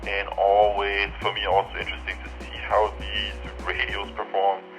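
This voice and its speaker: Heard through a walkie-talkie, a man reviewing products gives range test commentary, repeating his phrases for the test. His fairly low voice is monotone and a bit bright at a moderate pace, with band-limited radio sound and music behind.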